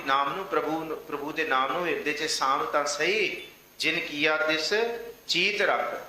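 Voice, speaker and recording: Man, preacher, scripture discourse, bright voice, echoey room, faint noise. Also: a little high. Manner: slow, measured recitation of verses between explanations. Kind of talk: religious discourse.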